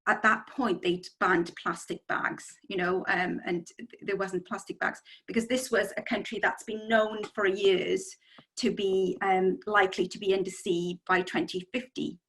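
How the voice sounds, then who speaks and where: A woman's voice: mid-range voice, steady tone, moderate pace, fairly bright tone, poor audio. A middle-aged woman from Bangladesh, a city councillor, speaking on a video call panel in a rambling way full of ums and you-knows. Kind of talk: panel discussion.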